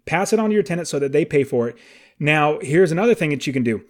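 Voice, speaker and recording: A man's voice: a little high, animated, fast talker. A man in his late thirties hosting a solo podcast, talking in an enthusiastic, conversational way with emphatic asides. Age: 30s. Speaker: podcast host.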